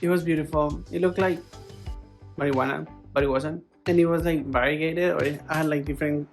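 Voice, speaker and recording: Playful and informal, a plant vlogger chats casually in English with a foreign accent, sounding a little hesitant. Her voice is deep, her pace a little fast, and her intonation fairly even. Music plays behind her.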